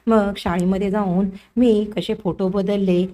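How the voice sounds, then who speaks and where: A woman's voice: mid-range voice, fairly even intonation, unhurried, dark tone, natural voice. A woman reading the lines of a scheming male villain in a threatening, bossy manner during a serial recap.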